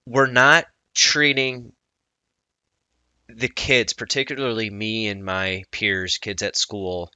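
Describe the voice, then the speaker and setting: A man speaking as a coach in a personal vlog, earnest and reflective, often halting mid-thought. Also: fairly low pitch, little pitch movement, sharp tone, smooth, no room sound.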